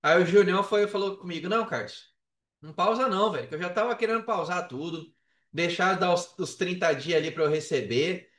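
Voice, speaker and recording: Speaking a bit fast in a high, somewhat bright voice, this Brazilian-accented affiliate marketer spins an animated, casual yarn as a podcast guest, acting out snippets of dialogue in slangy, everyday speech. He's recorded off the mic, and the room sounds echoey.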